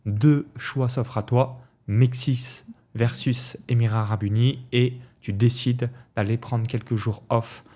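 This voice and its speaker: A male podcast host with a warm, darker tone and a mid pitch. He asks questions and walks through his topics one by one in a structured way. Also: steady tone, measured pace, hardly any pauses. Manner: structured, lays out points in order. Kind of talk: interview questions.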